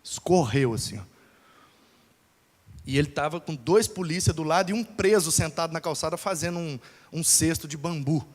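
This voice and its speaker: A pastor telling a lively personal story in a sermon, acting out the people in it. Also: male voice, a little high, normal speed. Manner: animated, acts out voices in his story. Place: church hall. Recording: long hall reverb.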